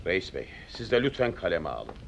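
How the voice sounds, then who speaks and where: An actor playing a stern, resolute middle-aged army captain, speaking in measured, authoritative, oratorical sentences in a period film. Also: male voice, deep voice, big pitch swings, vocal fry, slight background noise, exaggerated voice. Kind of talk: period film drama acting.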